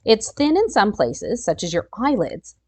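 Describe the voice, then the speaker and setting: Her mid-range, darkish voice swings widely in pitch and never hurries. She is a children's storytime reader, expressively reading a nonfiction picture book aloud and tossing in chatty asides and exclamations for the young audience.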